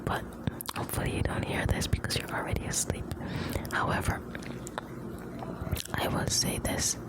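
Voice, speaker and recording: A woman from the Caribbean whispering ASMR right up close to the microphone, rambling gently in short, broken phrases. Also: moderate pace. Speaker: ASMR host.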